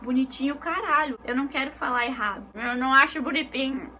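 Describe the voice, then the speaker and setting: A woman's voice: high voice, fairly quick, slight background noise. A woman with a Brazilian Portuguese accent, telling stories in a casual vlog from her bedroom and acting out the voices of the people she quotes. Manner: animated, acts out quoted voices. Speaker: vlogger.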